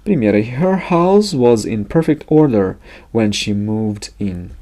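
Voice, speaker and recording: A man's voice: lowish voice, animated, slow pace, dark tone. A man teaching a language lesson, reading example sentences and then translating them. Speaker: English teacher.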